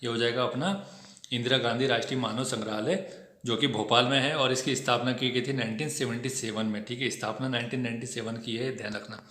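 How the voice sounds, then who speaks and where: A man teaching an exam-prep lesson in a brisk, chatty way, often checking in with his students. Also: mid-range voice, fairly even intonation, a bit bright, echoey room. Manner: brisk, chatty explaining with frequent "ठीक है" check-ins. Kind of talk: test discussion lesson.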